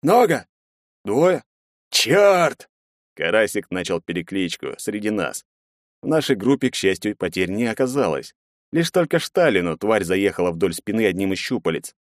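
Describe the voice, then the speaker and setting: Dramatic low-voiced male narrator. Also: normal speed, dry recording, studio quality. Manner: dramatic, lively reading. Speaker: audiobook narrator. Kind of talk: first-person audiobook narration.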